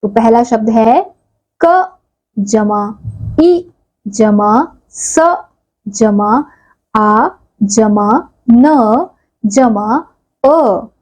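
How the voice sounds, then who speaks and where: Slow, patient woman teaching young children. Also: on the high side, darkish tone, rough recording. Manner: slow, spelling words out sound by sound for children; draws out sounds, lifts her voice on answers. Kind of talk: primary school lesson.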